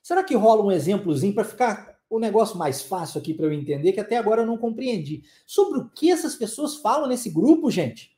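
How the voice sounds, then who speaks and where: Brazilian woman, English teacher, mellow tone, slow model phrases, roomy sound. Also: medium pitch, very animated. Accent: Brazilian Portuguese. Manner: repeats phrases slowly for students to echo. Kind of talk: online language lesson.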